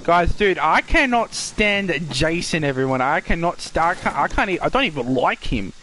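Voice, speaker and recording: A man streaming a game live, chatting to viewers in a rambling, drawn-out way. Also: fairly high pitch, big pitch swings, pushed and bright, slight background noise. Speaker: gaming streamer. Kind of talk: casual gameplay commentary.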